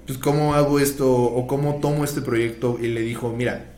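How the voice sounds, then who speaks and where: This man is a podcast guest who retells film anecdotes with relaxed animation, acting out the dialogue he quotes. His voice is mid-range and his pace moderate. The recording has echo and faint ambient noise.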